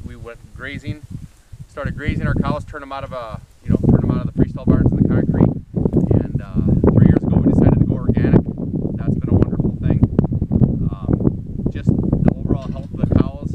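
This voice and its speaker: A man in his forties, a farmer, talking casually to a phone camera outdoors in a field, folksy and rambling with many fillers. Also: mid-range voice. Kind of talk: casual vlog introduction. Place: outdoors in a farm field beside draft horses. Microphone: phone camera a few steps away. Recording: distant, dull phone audio with loud outdoor noise.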